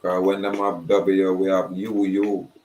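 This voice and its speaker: A man giving a slow, emphatic preaching monologue. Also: sits low, flat delivery, a little mellow, slight background noise. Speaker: spiritual speaker. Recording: roomy echoey recording.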